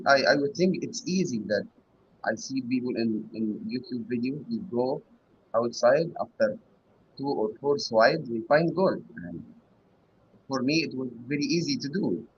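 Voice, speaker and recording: A husky-voiced man speaks over a bad connection that keeps dropping out, the video-call audio dull and muffled. He is not a native English speaker. He talks in a hesitant, halting way, pausing and restarting as he searches for words. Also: mid-range voice. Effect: bad connection, mic cutting out. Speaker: guest caller. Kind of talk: casual chat. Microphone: online video call.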